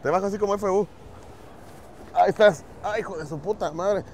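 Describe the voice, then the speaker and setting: Excitable Mexican man, slangy and loud. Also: sits high, a little fast, a little hiss or hum. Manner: excitable, teasing, heavy slang. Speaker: co-host. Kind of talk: casual joking chat. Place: outdoors at a beach.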